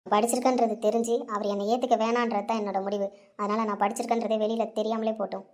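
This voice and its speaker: A woman's voice: fairly high pitch, little pitch movement, fast, a little mellow, close to an everyday voice. A woman voicing a resolute heartbroken village wife. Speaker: educated young wife.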